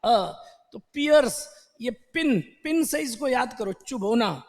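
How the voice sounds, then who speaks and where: An Indian man teaching an online exam-prep lesson, breaking words into slow drawn-out syllables and repeating them. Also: very high voice, animated, big-room sound. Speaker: English teacher.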